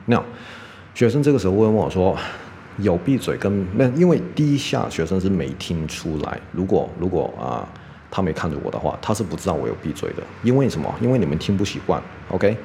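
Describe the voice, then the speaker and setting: Very deep-voiced man teaching pronunciation. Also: sing-song, vocal fry, warm tone. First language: English. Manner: ends nearly every sentence with a checking "OK?"; drills sounds slowly and repeats them. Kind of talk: casual spoken lesson. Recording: echoey room with faint background noise.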